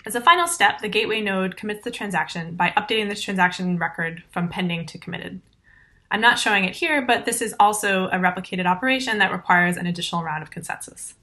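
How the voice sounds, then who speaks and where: Bright-voiced woman explaining database internals. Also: mid-range voice, quick pace. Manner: clear, methodical technical explanation. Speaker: conference presenter. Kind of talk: recorded conference talk over slides.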